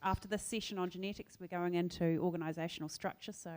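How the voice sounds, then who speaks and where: A woman's voice: fairly low pitch, fairly even intonation, fast talker, a little mellow. A woman acting as session chair, making introductions and announcements at a conference. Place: indoor conference venue.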